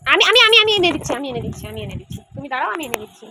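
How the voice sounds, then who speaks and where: A woman's voice: high voice, animated, very fast, sharp tone, slight background noise. A woman playing with a small child, using coaxing, sing-song baby talk full of questions. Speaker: caregiver playing with a toddler.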